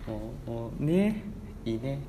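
Young man chatting, very animated pitch. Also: unhurried, slight background noise. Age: young adult, about 18. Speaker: radio show host. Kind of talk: casual chat with guests.

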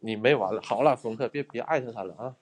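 A man with a medium-pitched voice talks fast while hosting a live ghost hunt in a derelict building. He addresses viewers bluntly, drops curse words, and thanks people for sending gifts.

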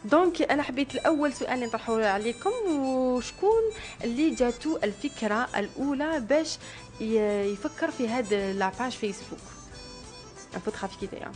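A woman with an Algerian Arabic accent hosting a radio interview, asking brisk questions and mixing in French words. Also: on the high side, a little mellow, faint music behind. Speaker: radio host.

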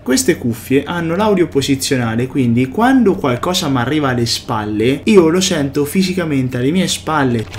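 A man doing a let's play commentary on a horror game, excitable, swearing and shouting whenever something jumps out. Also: fairly high pitch, normal speed, hardly any pauses, a little hiss or hum. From Italy. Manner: excitable, swears and yelps at scares. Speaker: gameplay commentator.

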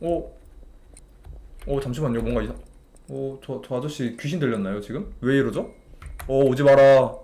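A man's voice: medium pitch, normal speed, long pauses, warm tone. A young man streaming a game, talking in an exasperated way to a game character and his chat. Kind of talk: live gameplay commentary to chat.

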